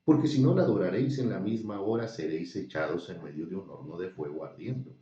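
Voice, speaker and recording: A man's voice: low voice, fast talker, mellow, natural voice. A man voicing a proud, wrathful ancient king in a commanding, solemn tone. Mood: threatening. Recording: dull, roomy, distant recording.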